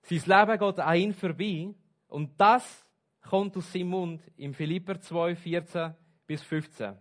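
Man, pastor, sermon, somewhat high voice, emphatic, soft-to-loud swings. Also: a little slow. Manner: emphatic, swings between soft asides and loud stressed points.

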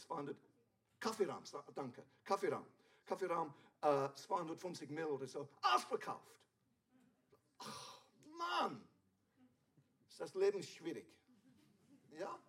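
High-voiced pastor preaching casually. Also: male voice, breathy edge. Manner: conversational, playful asides with the congregation. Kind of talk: sermon.

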